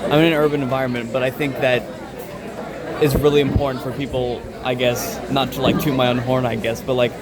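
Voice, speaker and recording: Young man amid loud crowd chatter. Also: medium pitch, flat delivery. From Lexington, Kentucky. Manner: earnest, halting and rambling. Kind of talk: casual interview chat. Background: loud crowd in a public space.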